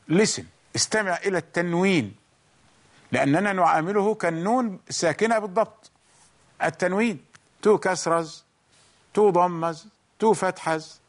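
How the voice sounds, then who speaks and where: Slow, high-voiced man teaching recitation. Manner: slow, deliberate explanations, chanting the examples. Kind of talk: bilingual tajweed lesson.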